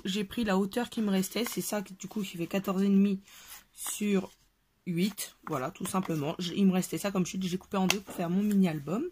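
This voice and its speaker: A woman talks through a craft tutorial in a relaxed, chatty way, pausing often with fillers as she works. Her voice sits in a middle range. Steady background noise runs under the home recording. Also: medium pitch. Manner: chatty, hesitant with many fillers.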